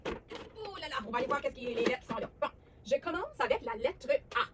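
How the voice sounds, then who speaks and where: A woman with a Québécois accent, hosting a children's lesson on letters and sounds, talking warmly and encouragingly straight to the young viewer. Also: high voice, quick pace, distant mic, a little hiss or hum. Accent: Québécois French. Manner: animated, encouraging, speaks directly to the child viewer. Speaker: children's educational host.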